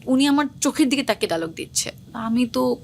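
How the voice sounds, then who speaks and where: A young woman, an actress, talking quickly and casually in an interview, dropping English words into her speech. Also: fairly high pitch, expressive, vocal fry. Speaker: actress guest.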